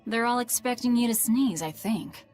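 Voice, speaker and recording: A woman's voice: fairly high pitch, moderate pace, a little mellow, soft background music, lightly acted. A woman playing a blunt, serious young woman. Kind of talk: game voice acting.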